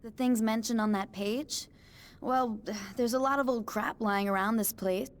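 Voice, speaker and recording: In this game cutscene, a woman plays a self-proclaimed psychic living at a motel, a talkative and quirky new-age type with an airy, breezy manner. She speaks unhurriedly in a fairly high pitch.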